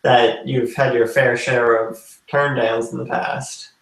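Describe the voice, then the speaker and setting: A man's voice: mid-range voice, level tone, slow, fairly bright tone. A man hosting a casual interview, mostly giving short encouraging replies. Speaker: podcast host. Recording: echoey and distant from the mic.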